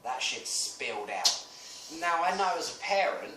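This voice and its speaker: A British man in his thirties co-hosting a podcast, chatting casually and telling animated stories with plenty of swearing. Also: on the high side, unhurried, reverberant, recorded from a distance, very noisy. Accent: British English. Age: 30s. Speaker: podcast co-host. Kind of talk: casual chat.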